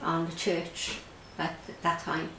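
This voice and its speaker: A woman's voice: low-pitched, completely flat delivery, a little slow, pushed and bright. Irish woman talking through what happened to her, stops and repeats words, echoey room, faint hiss behind. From Ireland. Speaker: interviewee recounting her experience. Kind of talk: personal testimony in an interview. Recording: roomy echo, faint background noise.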